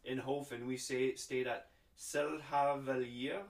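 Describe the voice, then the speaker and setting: A man's voice: medium pitch, little pitch movement, slow pace. A man co-hosting a casual travel podcast from home, chatting in a rambling way and restarting sentences. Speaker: podcast co-host. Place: on a bed at home with pets. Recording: roomy, distant mic, faint hiss.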